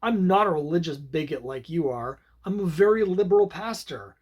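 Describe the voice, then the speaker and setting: A man's voice: fairly high pitch, expressive, normal speed, a little mellow, breathy edge. A man reading out the lines of a dismissive small-town pastor from a comic book, brushing people off curtly.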